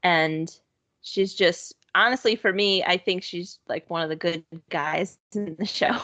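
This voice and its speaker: A woman's voice: fairly low pitch, measured pace, fairly bright tone, no echo. A woman co-hosting a podcast in casual chat, talking loosely with lots of fillers and easy laughter. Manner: chatty, laughs easily, many "sort of" and "like" fillers. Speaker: podcast co-host. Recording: dull, lo-fi podcast audio.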